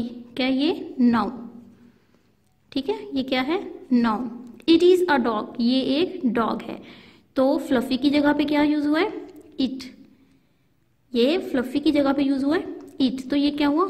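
A woman from Pakistan teaching a grammar lesson to young pupils, explaining slowly in mixed English and Urdu and checking often that they follow. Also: sits high, a little mellow, big-room sound. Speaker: school teacher.

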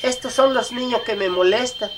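A man's voice: extremely high pitch, moderate pace, background noise, voice pushed up. A man with a Mexican accent voicing a bullied young boy who complains to his grandmother. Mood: complaining.

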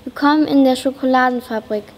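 Excited small old chocolate-factory owner read aloud by a girl, high and unhurried, in a reverberant hall. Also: lightly acted. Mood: welcoming. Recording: long reverb of a school hall.

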